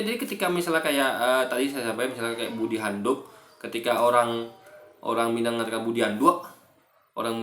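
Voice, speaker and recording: Bright-voiced man in an echoey room. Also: mid-range voice, a little hiss or hum. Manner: rambling, full of fillers, keeps addressing viewers. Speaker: video commentator. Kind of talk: casual commentary. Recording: roomy echo.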